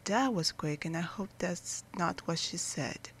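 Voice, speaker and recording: A woman hosting a let's play, giving low-key, understated gaming commentary. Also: expressive, measured pace, a little hiss or hum.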